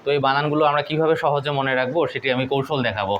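A man teaching English spelling tricks, spelling words out letter by letter in a slow, deliberate way. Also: mid-range voice, dull audio, a little hiss or hum. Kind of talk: spelling lesson.

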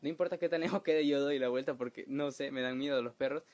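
Young man, crude self-mocking humor, deadpan delivery, casual storytelling. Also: mid-range voice, fast. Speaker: comedic storyteller. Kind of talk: casual comedic monologue.

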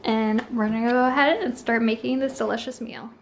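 A woman's voice: on the high side, steady tone, brisk, faint music behind. A young woman vlogger chatting casually as she walks through an easy recipe in her home kitchen. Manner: chatty, friendly instructions with fillers. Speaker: lifestyle vlogger. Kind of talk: casual cooking tutorial.

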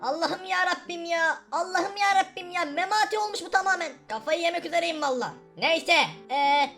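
A woman's voice: very high-pitched, normal speed, a bit bright, soft background music. A woman voicing a frazzled male babysitter. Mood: exasperated. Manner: exasperated, sighing, complaining. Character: frazzled put-upon young male babysitter. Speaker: roleplay voice-over narrator.

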